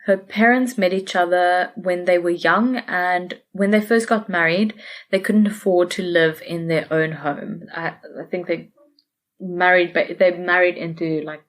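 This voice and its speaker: A woman's voice: lowish voice, steady tone, a little slow. A woman casually recounting a true case on a podcast, chatty and self-correcting, laughing easily. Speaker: podcast co-host presenting a case. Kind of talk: casual conversational storytelling.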